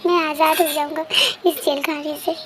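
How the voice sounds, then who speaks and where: A woman's voice: very high voice, flat delivery, fairly quick, noisy background. A woman doing a bitter feverish young woman. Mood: bitter, accusing. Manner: accusing, sarcastic, often quiet and drawn out.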